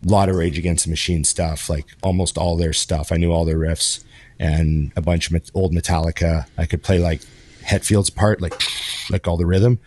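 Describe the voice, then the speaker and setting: A man's voice: low-pitched, steady tone, moderate pace, a little mellow. A man in his forties co-hosting a podcast in casual chat, rambling with lots of fillers and restarts. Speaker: podcast co-host. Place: home studio with video call. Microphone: headphones and desk microphone.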